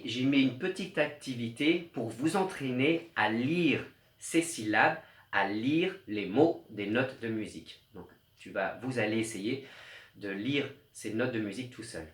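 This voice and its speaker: Slow, deliberate man teaching children. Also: medium pitch, fairly bright tone. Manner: slow and deliberate, stressing each syllable. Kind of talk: remote lesson for young children. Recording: echoey room.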